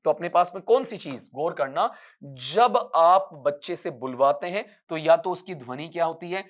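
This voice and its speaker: A man teaching an online exam-prep lesson, who reads English options slowly and then explains them in Hindi, asking and answering his own questions. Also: on the high side, expressive.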